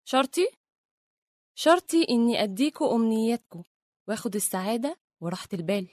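A woman voices a mysterious, moralizing embodiment of worldly life who speaks with an Egyptian accent and a solemn, lecturing manner. Her voice sits fairly high and moves quickly, recorded close and dry. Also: big pitch swings, no room sound. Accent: Egyptian Arabic.

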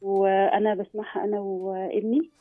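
A woman's voice: medium pitch, flat delivery, normal speed, faint music behind. A woman with an Egyptian Arabic accent, a mother calling in to a radio show, friendly and a little hesitant. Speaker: caller, mother. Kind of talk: phone-in chat. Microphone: telephone. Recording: tinny phone line.

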